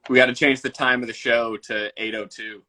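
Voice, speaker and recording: Male podcast co-host, bright tone, playful and giggly, casual swearing. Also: mid-range voice, steady tone, fairly quick. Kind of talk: casual chat.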